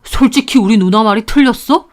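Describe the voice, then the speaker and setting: A woman's voice: fairly high pitch, a little fast, close to an everyday voice. A woman voicing a cold, sneering husband. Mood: belittling. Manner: cold, belittling. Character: blunt, sneering husband, a man.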